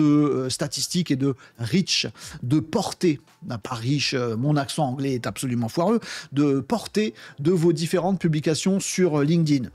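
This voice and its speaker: A man hosting a tech news show from France, with a slightly high voice. He comments casually and with strong opinions, with plenty of fillers and animated asides. The sound is dry and close. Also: no room sound.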